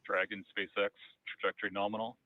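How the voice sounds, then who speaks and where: A man's voice: lowish voice, level tone, fast, no room sound. A man giving clipped status calls over a radio link that cuts in and out. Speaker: mission control radio operator. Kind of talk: mission radio callouts. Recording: tinny radio line heard from afar.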